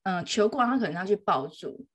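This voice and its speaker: Animated woman telling a story. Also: mid-range voice, fast talker, husky. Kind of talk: casual chat.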